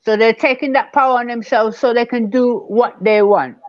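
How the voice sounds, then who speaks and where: An older man from Barbados, speaking as a guest elder in an online panel discussion, measured and emphatic, repeating key words. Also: very high-pitched, fairly even intonation, no room sound, lo-fi sound.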